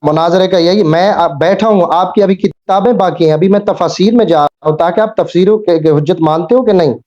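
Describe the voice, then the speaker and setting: A man's voice: high voice, darkish tone. A man calling in by video to debate the host, insistent and interrupting as he demands to be heard. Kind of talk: heated live debate. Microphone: video call microphone. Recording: lo-fi video call audio.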